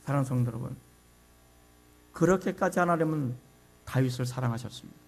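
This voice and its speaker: A man's voice: mid-range voice, fairly quick, creaky. A male pastor preaching a sermon, telling the story dramatically and raising his voice for key moments. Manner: dramatic storytelling, shouting quoted lines. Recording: mains hum under the voice.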